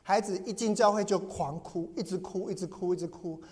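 A man's voice: sits high, fairly quick, a little mellow. A pastor preaching in earnest, telling a personal story and often repeating and restarting his words. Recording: long hall reverb.

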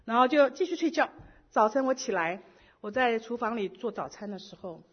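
A middle-aged woman giving a personal church testimony in lively storytelling style, slipping English words into her speech. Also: fairly high pitch, a little fast, breathy edge. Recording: dull lo-fi recording.

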